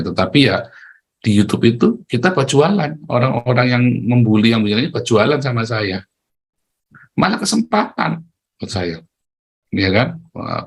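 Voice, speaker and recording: A middle-aged man preaching a sermon in a lively way, often laughing and calling out to his listeners. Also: on the low side.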